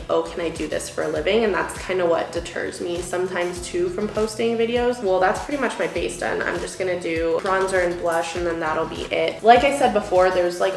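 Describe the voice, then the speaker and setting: A young beauty vlogger chats casually while doing her makeup in a get-ready-with-me video, full of fillers, a little sniffly, and musing about her worries. Her voice is fairly low, and the camera films her from across an indoor room, giving a roomy sound.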